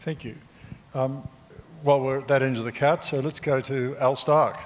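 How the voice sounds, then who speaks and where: Man hosting a panel, measured, lots of ums, theatre echo. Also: mid-range voice, steady tone. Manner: measured, with frequent ums and uhs. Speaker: moderator, former newspaper editor. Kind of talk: moderating a panel discussion. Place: theatre stage. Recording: theatre hall reverb.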